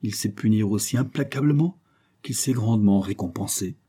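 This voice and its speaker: A man voicing a stern, mysterious avenger in a storybook reading, solemn and measured. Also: lowish voice, mellow, husky. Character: stern mysterious male avenger, cool and commanding.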